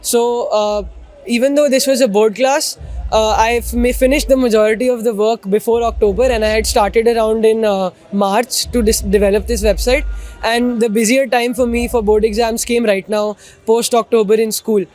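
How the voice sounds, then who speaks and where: A teenage boy speaks in a high, youthful voice with a posh, educated Indian accent. His intonation stays quite flat as he gives polite, articulate answers as a student being interviewed. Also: normal speed, soft background music. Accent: educated Indian English. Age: teenager, about 15. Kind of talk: earnest interview explanation.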